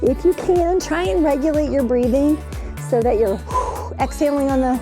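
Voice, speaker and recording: A middle-aged woman leading a workout as an encouraging, energetic instructor, calling out short motivational cues while exercising. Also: high voice, moderate pace. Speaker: fitness instructor, host. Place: inside a motorhome living area. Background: music.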